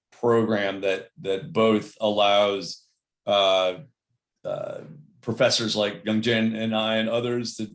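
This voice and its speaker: A man's voice: on the low side, fairly bright tone, roomy sound. A man giving a casual, upbeat online presentation, talking with many fillers on a video call. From Cleveland, Ohio.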